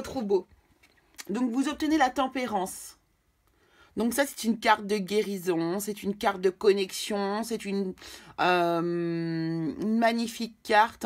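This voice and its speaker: A French woman talks through a tarot card spread for her viewers. She speaks casually, with many fillers and restarts, repeating words as she gathers her thoughts. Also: medium pitch. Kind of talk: casual tarot reading video.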